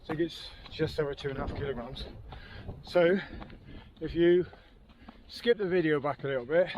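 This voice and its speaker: A man's voice: fairly high pitch, normal speed, rough recording. A man in his fifties, out of breath, chatting casually to camera while hiking up a windy hill on a clip-on mic. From England. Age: 50s. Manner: chatty, rambling asides to viewers. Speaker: wild camping vlogger. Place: outdoors on a windy hillside. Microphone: clip-on wireless mic. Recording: loud wind noise outdoors.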